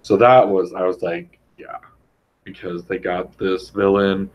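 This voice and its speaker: Young guy, lowish voice, casual rambly chat, says "like" a lot, call mic. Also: a little slow, rough recording. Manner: rambling, animated retelling with filler "like".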